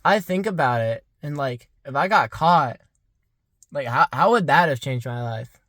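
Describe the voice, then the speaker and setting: Here the same sort of casual vlog monologue comes from a man of about twenty with a mid-range, slightly bright voice. He's expressive but a little slow, musing in a rambling way with plenty of "like" fillers, on a dry recording.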